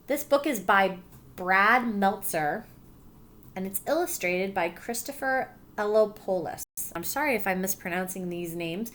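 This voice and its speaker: Reading a picture book aloud to her class, a woman teacher stops to explain and make sure the children understand, her warm voice encouraging them. She speaks in a mid-range voice, and the recording carries a little hiss or hum.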